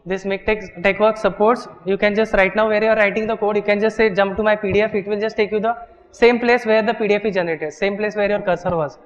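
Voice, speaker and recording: A man's voice: high-pitched, steady tone, fast. A man with an Indian English accent teaching a workshop class in a lecture hall, explaining step by step and checking in with "okay" and "right". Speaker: workshop instructor. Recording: dull, echoey lecture hall recording.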